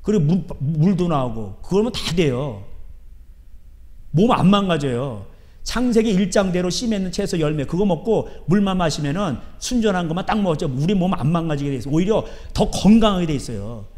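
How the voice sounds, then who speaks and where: Fiery high-voiced pastor. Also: male voice, expressive, fairly quick. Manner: emphatic, swinging from soft asides to shouting. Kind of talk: sermon. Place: church sanctuary.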